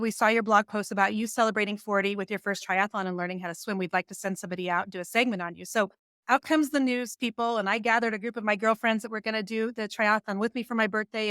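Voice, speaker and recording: Speaking smoothly at a medium pitch, a woman in her forties who coaches businesses and writes books recounts stories in a relaxed podcast interview. She brings her inner dialogue to life with laughter and animation, captured in clean, echo-free studio sound.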